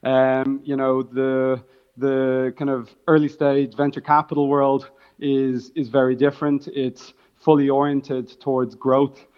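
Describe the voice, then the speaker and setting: A man's voice: mid-range voice, completely flat delivery, a little slow, clear, resonant tone. A man with a Dublin accent answers interview questions as a startup founder. His intonation stays very level as he explains things in business jargon. The sound is slightly muffled and band-limited. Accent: Dublin Irish. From Dublin, Ireland.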